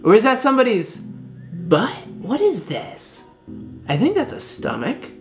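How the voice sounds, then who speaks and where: A woman's voice: a little high, wildly swooping pitch, measured pace, a little mellow, faint music behind. A woman vlogger doing giggly, rambling reaction commentary.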